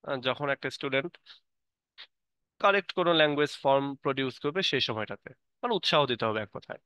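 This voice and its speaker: Male teacher, bright voice, dry close sound, slow halting reading of English, casual explanations. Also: mid-range voice, expressive, clean tone, dry recording. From Bangladesh. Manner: reads English lines slowly and haltingly, then explains casually in Bengali with fillers. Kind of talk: online lecture mixing Bengali explanation with English text read slowly.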